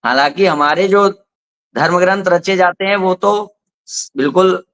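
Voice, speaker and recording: A man hosting a discussion, telling an anecdote in a relaxed, measured conversational way. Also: high voice. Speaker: host. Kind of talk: conversational storytelling.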